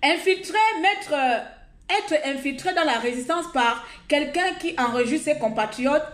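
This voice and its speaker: Outdoors in a live video, a woman streamer rants to her followers, indignant and emphatic, speaking straight to viewers. Her high voice is a bit bright and reverberant, at a measured pace.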